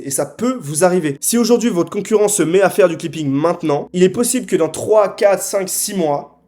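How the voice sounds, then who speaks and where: A young man giving a scripted sales pitch to camera, assertive and punchy, often tagging his sentences with quick check-ins. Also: a little mellow. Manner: assertive, punchy, frequent tag questions. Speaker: marketing consultant.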